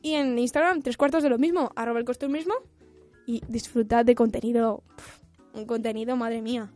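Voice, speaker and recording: High-voiced chatty woman. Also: fairly even intonation, brisk, darkish tone, faint music behind. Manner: chatty, gushing, exclamatory. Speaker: podcast co-host. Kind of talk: casual chat.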